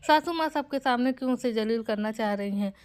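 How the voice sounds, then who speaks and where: Narrator: woman, fairly high voice, scripted story reading. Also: a little fast, smooth. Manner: reads dialogue of every character in her own voice.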